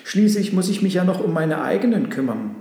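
A man's voice: high-pitched, big pitch swings, fairly quick, dark tone, heavy reverb, long reverb tail, pitched above the performer's own voice. A man voicing an overworked woman in a storybook who laments and pleads. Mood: lamenting. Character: overworked woman, Mary's sister.

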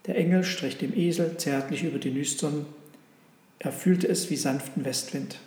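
A man reading a storybook aloud in a measured, gentle way. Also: on the high side. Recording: roomy with long reverb.

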